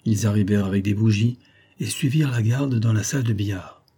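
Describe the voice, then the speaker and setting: A man reading a literary story aloud in a measured, even narrating voice. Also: on the low side, husky. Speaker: audiobook reader.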